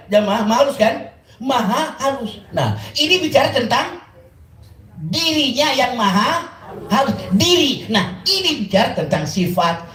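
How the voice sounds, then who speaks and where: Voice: mid-range voice, a bit bright. A preacher with a Surabaya Javanese accent gives a jokey, teasing sermon, often quizzing the congregation. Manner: jokey, teasing, questions the audience. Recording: echoey, distant mic, crowd noise.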